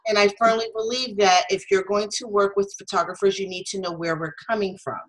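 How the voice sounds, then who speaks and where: A woman host talking casually with her guest in a friendly, opinionated way. She laughs easily and speaks at an ordinary middle pitch. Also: steady tone, fairly quick, rough recording. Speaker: podcast host, photographer. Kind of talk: casual interview chat.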